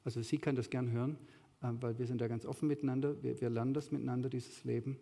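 A man's voice: medium pitch, steady tone, quick pace, vocal fry, warm tone. A man giving a sermon with slides, talking conversationally and rising to emphatic peaks. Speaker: preacher. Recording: long hall reverb.

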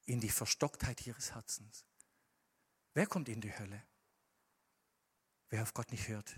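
A man preaching a sermon to a congregation, moving between quiet, measured scripture reading and loud, impassioned emphasis. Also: medium pitch, breathy edge. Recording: hall with long reverb.

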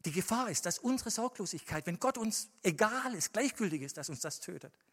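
A male preacher delivering a sermon in a church hall, his slightly husky voice carrying a long, ringing reverb around him. His pitch rises and falls widely as he shifts from hushed, deliberate scripture reading to loud, passionate appeals. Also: lively intonation. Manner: swings from quiet, measured reading to loud, impassioned emphasis.

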